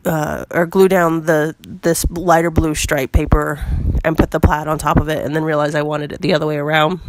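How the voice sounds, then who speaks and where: A woman with a cold and a squeaky voice, narrating her scrapbooking video in a chatty, self-deprecating way with lots of fillers. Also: no room sound. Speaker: scrapbooking vlogger. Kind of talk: casual voice-over narration.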